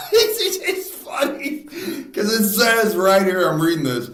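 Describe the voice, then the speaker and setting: Slow, lively-voiced podcast host man. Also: sits high. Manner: laughs often, slips on words and restarts. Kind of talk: casual chat, reading a true crime story. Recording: echoey room.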